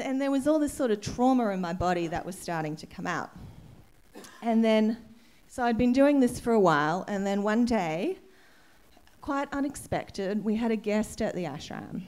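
A woman's voice: medium pitch, clean tone. Emotional woman telling her story at an ashram. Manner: candid, emotional, with soft laughs. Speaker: yoga teacher giving a satsang talk. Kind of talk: personal story told to a gathering. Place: ashram hall.

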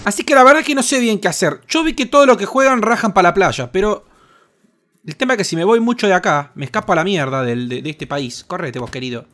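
A young man with a Rioplatense Spanish accent, commenting on his gameplay in an excitable, crude way with lots of swearing. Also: high-pitched, fast talker. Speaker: gaming host.

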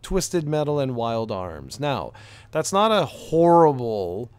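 Smooth-voiced man co-hosting a gaming podcast. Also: medium pitch, slow pace, dry recording. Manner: animated, sarcastic asides, rambling restarts. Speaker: podcast co-host. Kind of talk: casual podcast chat.

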